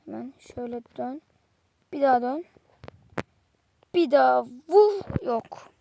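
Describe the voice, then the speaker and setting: A woman's voice: high voice, animated, takes it slowly, gravelly, mellow, slight background noise. A woman giving exasperated live commentary while playing a football video game, muttering to herself and snapping at the game. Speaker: gamer.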